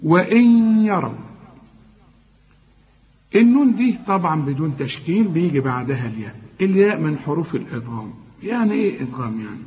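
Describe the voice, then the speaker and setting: A man with an Egyptian accent teaching Quran recitation rules. He explains each rule and then stretches the sounds out slowly. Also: on the high side, big pitch swings, darkish tone, highs cut off. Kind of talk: tajweed lesson with recited verses.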